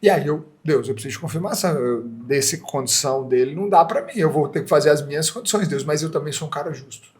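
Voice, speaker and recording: A man's voice: on the high side, fast talker, few pauses. A man with a Brazilian Portuguese accent, an entrepreneur telling a story in a casual interview and acting out the dialogue. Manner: animated, acts out dialogue in quoted voices. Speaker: franchise entrepreneur guest.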